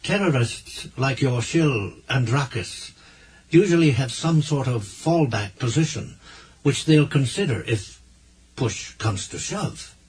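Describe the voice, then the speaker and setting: A man's voice: mid-range voice, animated, slow, darkish tone, breathy edge, pitched above the performer's own voice, exaggerated voice. A man reading a cool woman diplomat.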